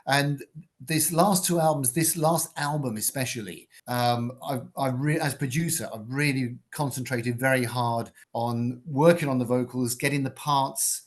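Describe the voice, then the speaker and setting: An older British man, a guitarist and producer, gives thoughtful, rambling interview answers a little slowly. His voice is fairly low and full of fillers.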